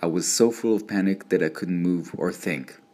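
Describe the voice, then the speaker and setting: Deep-voiced man narrating a story. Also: normal speed, darkish tone. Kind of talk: audiobook narration.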